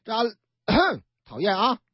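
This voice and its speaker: Lively woman telling news stories. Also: medium pitch, takes it slowly, slightly rough, dry recording. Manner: chatty, lively storyteller who acts out the people in her stories. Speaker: radio news host. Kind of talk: storytelling news commentary. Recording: dull, dry lo-fi radio broadcast.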